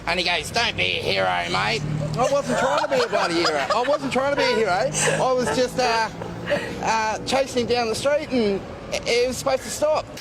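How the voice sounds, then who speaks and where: A man's voice: very high voice, a little fast. A man with a broad Australian accent telling a casual, matey anecdote as an eyewitness in a live interview. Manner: laid-back, colloquial, matey. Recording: faint outdoor street noise.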